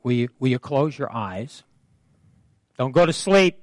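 A man pastor preaching a sermon with call-and-response, emphatic, swelling louder and higher on key phrases. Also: expressive, a little slow, no echo.

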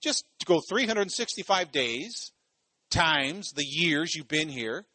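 Higher-voiced preacher from Ohio, conversational. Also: male voice, lively intonation, slow pace, sharp tone, no room sound. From Ohio, USA. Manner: conversational, full of "you know" asides, repeats phrases for emphasis. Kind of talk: sermon.

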